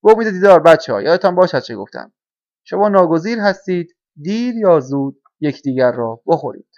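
A man's voice: a little high, big pitch swings, a little mellow, no room sound, voice pushed up. A man voicing a stern, bored old male crow in a storybook reading, speaking in a lofty, insistent way. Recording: dull, dry lo-fi recording.

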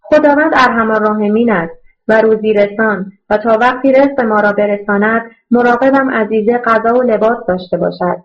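A woman voicing a gentle male orphanage director. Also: a little high, highs cut off, natural voice. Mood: earnest. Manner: gentle, reassuring, pleading. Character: kind middle-aged male orphanage director, earnest.

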